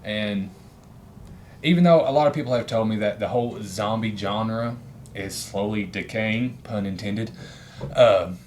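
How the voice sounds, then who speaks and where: A man's voice: on the low side, unhurried, darkish tone, slight background noise. A middle-aged man, co-hosting a casual podcast chat, rambling and chuckling often. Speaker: podcast co-host and author.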